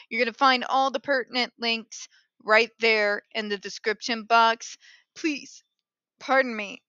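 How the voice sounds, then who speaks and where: A woman's voice: fairly high pitch, sharp tone, clear, resonant tone, no echo, muffled recording. A woman hosting an opinionated commentary show in a polished call-center phone voice, speaking in a blunt, sarcastic, emphatic way. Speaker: host of an advocacy commentary show.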